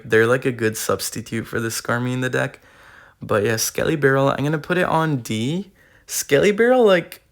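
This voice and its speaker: A man's voice: medium pitch, fairly bright tone. Young man rambling over a card tier list. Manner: rambling, slangy, filler-heavy. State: losing his voice. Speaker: gaming YouTuber. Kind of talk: casual tier-list commentary. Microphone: iPad recording.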